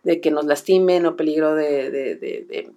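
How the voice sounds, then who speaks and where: Woman, low voice, eager explainer. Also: normal speed, warm tone. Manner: engaged, explanatory, frequent affirming murmurs. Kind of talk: casual conversation.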